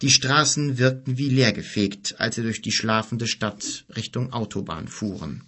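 A male narrator reading a children's fantasy audiobook in a steady, expressive way. His mid-pitched voice has a husky edge. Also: normal speed. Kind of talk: storybook narration.

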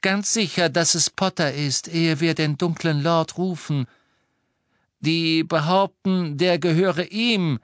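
A cold, poised aristocratic witch, as a man puts her on in a raised, clear voice. She sounds precise and guarded, recorded dry. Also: a little high, takes it slowly, a bit bright, no room sound, pitched above the performer's own voice.

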